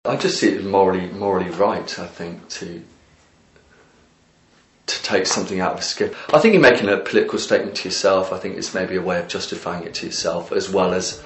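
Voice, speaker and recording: A man's voice: low-pitched, brisk. A man chatting casually in a documentary interview, rambling with lots of "like" and "you know". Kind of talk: casual recounting. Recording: echoey room.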